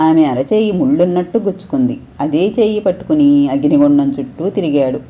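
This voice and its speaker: A woman storyteller narrating an audio story in a steady, expressive reading. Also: low-pitched.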